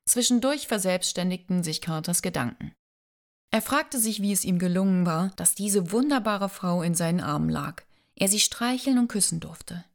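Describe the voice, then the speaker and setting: Woman with a low, calm narrating voice. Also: normal speed. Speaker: audiobook narrator. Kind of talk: scripted narration.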